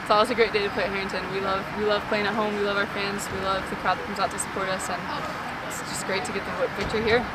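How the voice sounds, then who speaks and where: A woman's voice: mid-range voice, flat delivery, quick pace, recorded from a distance, heavy background noise. A young woman, a college goalkeeper, giving eager postgame answers with repeated phrases, outdoors at a field at night. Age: young adult.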